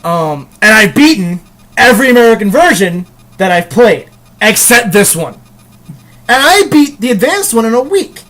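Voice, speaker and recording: A man's voice: high voice, very animated, moderate pace, fairly bright tone. A man reviewing a video game in casual chat, rambling with many hesitations and casual swearing.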